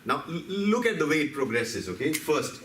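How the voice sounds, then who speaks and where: Here the Indian seminar speaker has a fairly high, slightly bright voice with big pitch swings and a moderate pace. He narrates stories, asks the live audience questions, and acts out his cells. A distant mic in the roomy meeting hall picks up faint ambience and a little hiss or hum.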